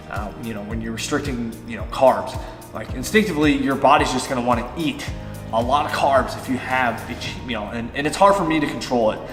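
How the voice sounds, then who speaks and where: A man in his thirties, a fitness vlogger with a mid-range, slightly bright voice, answers viewer-style questions in a casual Q and A vlog. He's loose and chatty with many fillers, recorded on an on-camera shotgun mic in a large hall with a roomy sound.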